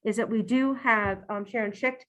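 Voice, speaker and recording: Halting woman chairing a board meeting. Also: a little high, a bit bright, low-quality recording. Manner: halting, with many ums and self-corrections. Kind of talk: hybrid video-call board meeting. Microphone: computer mic on a video call.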